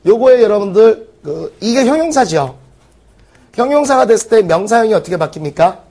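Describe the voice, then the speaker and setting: High voiced guy teaching english test prep, keeps quizzing the class. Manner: lively, quizzes the class with quick rhetorical questions. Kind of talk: recorded exam-prep lecture.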